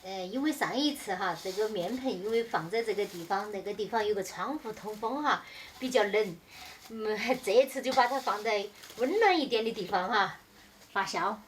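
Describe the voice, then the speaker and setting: A woman's voice: medium pitch, moderate pace. Distant-miked young Sichuanese woman. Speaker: vlogger, daughter-in-law cooking. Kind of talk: casual vlog narration and chat. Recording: distant mic, faint room noise.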